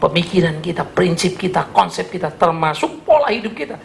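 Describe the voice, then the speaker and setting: A male pastor preaching a sermon with an Indonesian accent, earnest and animated, asking his congregation questions. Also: sits high, a little fast, vocal fry, a little hiss or hum. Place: church service.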